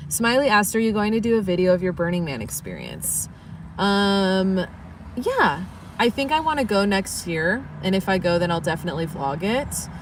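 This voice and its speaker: A woman's voice: medium pitch, animated, moderate pace, slight background noise. A young woman chatting casually on a livestream, rambling and yawning, sleepy and just woken up. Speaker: livestream vlogger.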